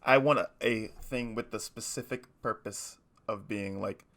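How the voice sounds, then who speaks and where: Gravelly low-voiced man, playful podcast banter. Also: a little slow, fairly bright tone. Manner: rambling, laughs often, playful. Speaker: podcast co-host. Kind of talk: casual chat.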